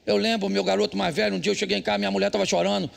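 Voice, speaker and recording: During a church service, a Brazilian Portuguese-accented pastor rattles off a comic sermon, spinning stories and teasing husbands without mincing words. His high, gravelly voice comes rapid-fire with a flat delivery.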